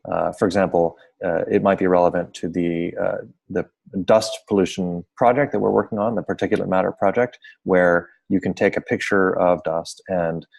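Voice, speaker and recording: Deep-voiced man hosting an online seminar. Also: gravelly, a little mellow. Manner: explains at length, apologetic, informal. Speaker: seminar host. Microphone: video call.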